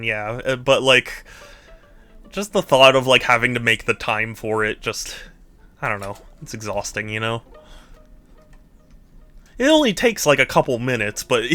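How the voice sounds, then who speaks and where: A man live streaming games, chatting casually with viewers in a playful, animated, teasing way. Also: mid-range voice. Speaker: video game live streamer. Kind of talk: casual chat with viewers while gaming.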